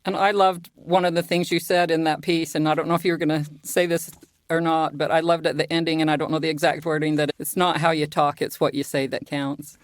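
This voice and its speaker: Older woman, chatty and quick to laugh. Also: deep voice, no room sound. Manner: chatty, laughs often, lively when retelling. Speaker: guest, co-author. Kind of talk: conversational interview.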